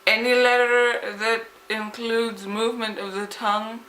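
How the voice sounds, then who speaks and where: A woman's voice: a little high, flat delivery, unhurried, fairly bright tone. A young woman chatting casually for a vlog, with slightly impeded, lisping articulation, as if her tongue is swollen. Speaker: vlogger. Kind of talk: casual vlog chat, rambling. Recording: echoey, roomy sound.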